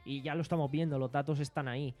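A young man with a Spanish accent hosts a podcast from a living-room desk microphone. His voice sits a little high for a man, and he rambles along, poking fun at himself. Faint music runs underneath. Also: fairly even intonation, fast, warm tone. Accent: Spanish from Spain. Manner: rambling, joking, self-mocking. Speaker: podcast host and sound technician. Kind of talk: casual podcast chat. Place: living room studio with several people. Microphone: desk microphone on stand.

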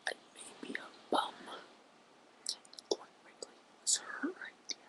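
A drunk person rambling through a brooding rant to camera in a halting, whispery rasp, close to the phone. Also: a bit bright. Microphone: phone held very close to the mouth.

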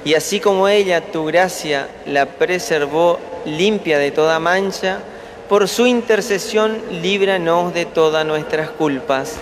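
Man, priest, higher-pitched voice, solemn liturgical recitation, cathedral echo, noisy background. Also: unhurried. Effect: cathedral echo, long church reverb. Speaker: priest celebrating Mass. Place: large basilica. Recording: echoey basilica with background noise.

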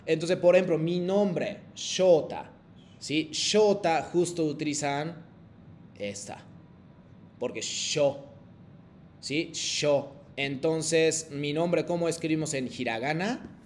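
Man, language teacher, patient, frequent check-ins, lots of fillers, slightly high voice, faint rumble behind. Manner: hesitant phrasing with many fillers. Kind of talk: language lesson with call-and-repeat drills.

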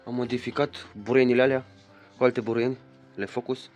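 A young vlogger with a medium-pitched, level and darkish voice chats casually in a small bedroom at home, with faint music playing. He rambles on and scolds his child between remarks.

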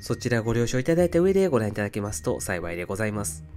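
A man's voice: on the low side, big pitch swings, rapid-fire, darkish tone. A man from Osaka, a flight attendant vlogger, narrating in a humble, very polite voice-over. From Osaka, Japan. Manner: humble, very polite, self-deprecating. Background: faint music.

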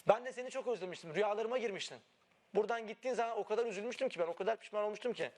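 A man's voice: high-pitched, racing. A young man in a reality show house, pleading with his partner and full of regret. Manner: pleading, repetitive, remorseful. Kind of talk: emotional heart-to-heart. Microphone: wireless body mic.

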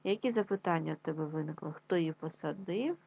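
A woman teacher guiding young pupils through a reading lesson, drawing out syllables and counting slowly with them. Her voice sits a little low, mellow and husky. The recording sounds dull and lo-fi. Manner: slow, drawn-out syllables and counting for kids; praises pupils often. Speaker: primary school teacher. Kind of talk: video reading lesson for children.

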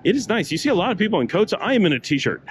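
A middle-aged travel vlogger walks a city sidewalk, chatting to a handheld camera held at arm's length in a meandering way full of fillers. His voice is high-pitched, very animated and racing, with a little hiss or hum.

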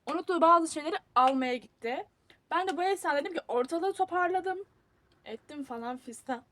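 A woman's voice: high voice, fairly quick, fairly bright tone. A young woman, rambling and teasing herself as she films a casual packing vlog. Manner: chatty, rambling, self-mocking. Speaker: vlogger.

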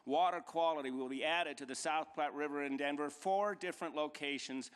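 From a podium on a large banquet hall stage, a middle-aged man with a slightly high, brisk voice gives a formal acceptance speech, building emphatic rhetorical lists and repeated dates. The podium mic catches the hall's long reverb.

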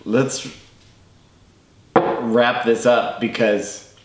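A man's voice: mid-range voice, flat delivery, extremely slow. A tipsy man in his thirties co-hosting a comedic movie review, posing questions. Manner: tipsy from drinking during the review. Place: small indoor bar-style set with brick wall. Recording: echoey room, clearly noisy background.

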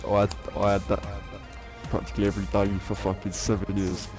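A man's voice: lowish voice, monotone, brisk. A man teasing his friends in a casual gaming chat. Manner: teasing, mocking. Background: game music.

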